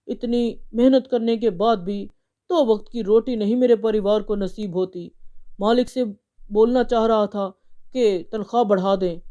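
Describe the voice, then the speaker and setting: Woman playing a worn-out poor laborer husband in a cartoon, higher voice with a mellow tone. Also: natural voice. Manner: weary, complaining. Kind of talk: cartoon story voice acting.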